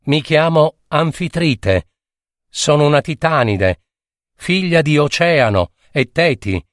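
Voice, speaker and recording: A man's voice: on the high side, lively intonation, takes it slowly, no echo. Guy voicing a wary young sea goddess, firm tone, dry close sound. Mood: calm. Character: young female sea titaness, proud and wary. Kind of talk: storybook reading.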